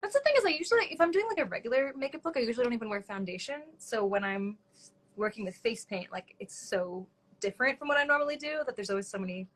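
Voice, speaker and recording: A woman's voice: a little high, expressive, fast talker, a bit bright. Chatty young woman, makeup chat. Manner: chatty, says like a lot, laughs easily. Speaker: makeup artist. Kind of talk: casual live makeup chat. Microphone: phone on a live stream.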